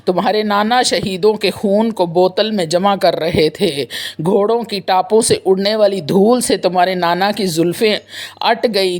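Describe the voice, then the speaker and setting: A woman reading as a gentle father speaking from beyond to comfort his grieving daughter in a devotional tale. The delivery is tender and consoling, at a middling pitch close to the reader's own. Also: close to an everyday voice.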